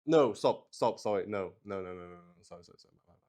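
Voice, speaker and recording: Improvising as host of a solo roleplaying game, a lowish-voiced man narrates in a casual way. His excitable delivery includes hesitation, repetition, and mild swearing.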